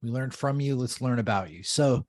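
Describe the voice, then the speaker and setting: A man's voice: mid-range voice, moderate pace, darkish tone, dry recording. Friendly male podcast host, dry mic. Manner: friendly, upbeat, repeats words when starting. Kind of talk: interview hosting.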